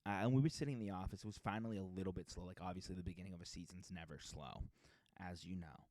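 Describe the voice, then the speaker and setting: Podcast co-host, young Boston-accented man, low-ish voice, dry close mic, rambling and relaxed. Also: fast, no room sound. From Metro West Boston area. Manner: rambling, laid-back, with many fillers and restarts. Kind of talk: casual chat.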